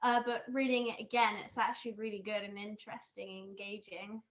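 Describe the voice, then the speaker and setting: A woman's voice: mid-range voice, steady tone, brisk, highs cut off. A young woman interviewing an author in a casual chat, speaking hesitantly with many fillers. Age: teens or young adult.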